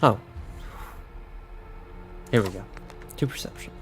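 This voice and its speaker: A man's voice: fairly low pitch, slow, fairly bright tone, faint music behind. A man streaming a game, muttering to himself and reading out dialogue choices as he plays. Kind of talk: gameplay commentary.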